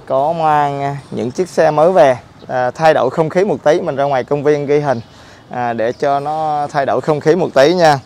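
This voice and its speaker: A middle-aged man presents a casual motorcycle review outdoors, talking haltingly through a face mask. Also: mid-range voice, a little mellow, slight background noise. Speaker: motorcycle dealer presenting on own channel. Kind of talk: casual vlog product review. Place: outdoors in a public park by a street.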